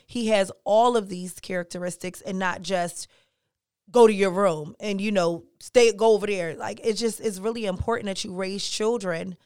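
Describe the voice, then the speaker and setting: A woman, talking in a casual, opinionated chat, animated and emphatic with plenty of swearing. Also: medium pitch, clear, resonant tone, no room sound, studio quality.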